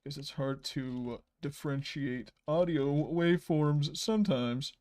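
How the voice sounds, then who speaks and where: A man hosting a casual livestream, rambling while he edits and often trailing off into soft mutters. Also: on the high side, measured pace. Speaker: livestream host.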